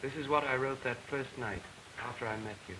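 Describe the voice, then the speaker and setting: An actor playing an earnest, affectionate young composer, newly married and anxious, in an early talkie film. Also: male voice, mid-range voice, a little fast, lightly acted. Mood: tender. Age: young adult. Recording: scratchy 1920s film soundtrack.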